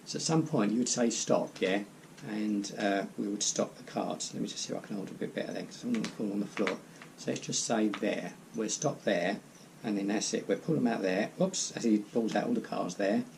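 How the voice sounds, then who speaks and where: A man's voice: lowish voice, a little fast, gravelly, darkish tone, slight background noise. A man giving casual card magician patter as host, rambling step by step, repeating phrases and adding self-deprecating asides.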